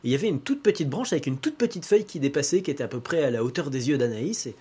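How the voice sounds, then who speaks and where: Husky-voiced French storyteller. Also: male voice, fairly high pitch, animated, racing, darkish tone. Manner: casual, with fillers and repetitions. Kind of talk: oral folk tale telling.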